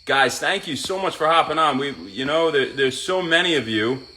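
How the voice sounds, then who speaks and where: A man's voice: fairly high pitch, normal speed, bright, forceful tone, a little hiss or hum. A man hosting a casual live stream, reading out viewers' names one by one and greeting each as he works out. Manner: chats while working out.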